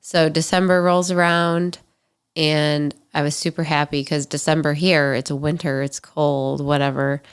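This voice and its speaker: Speaking at a measured pace with a flat delivery, this twenty-something podcaster shares stories casually and openly, peppering them with ums and likes. Her low voice comes through cleanly despite a slight allergy-driven stuffiness and nasality.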